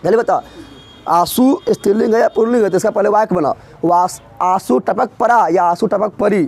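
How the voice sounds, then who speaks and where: A man leads an exam-prep grammar lesson in a high-pitched voice. He drills students with constant rhetorical questions, answering them himself and teasing the class as he goes. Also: a little fast, creaky, darkish tone. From Bihar. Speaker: teacher.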